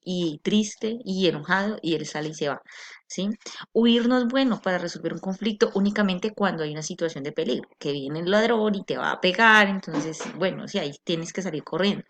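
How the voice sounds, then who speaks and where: A woman teacher giving a recorded class and explaining patiently, with frequent tag questions to check in with her students. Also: on the low side. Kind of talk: recorded online class lecture.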